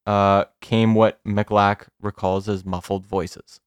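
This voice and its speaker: A man co-hosting a casual podcast, telling a story with laughs, a bit of swearing and slow pauses for suspense. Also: lowish voice, flat delivery, clean tone, no echo. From Canada. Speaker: podcast host.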